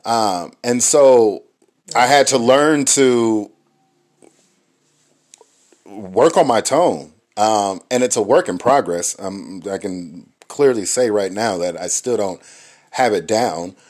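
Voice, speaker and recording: A man with a lowish voice reflecting on marriage in a relaxed podcast chat. He speaks haltingly, with many ums and self-corrections as he works through his thoughts. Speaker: married co-host. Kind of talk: reflective casual talk.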